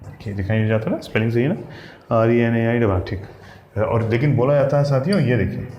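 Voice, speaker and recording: A man's voice: medium pitch, animated, fairly quick, muffled recording, a little hiss or hum. A man teaching exam vocabulary, who spells out words letter by letter and keeps checking in with his students. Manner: addresses students as "साथियों" and "भैया". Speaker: English teacher. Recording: echoey room with faint ambience.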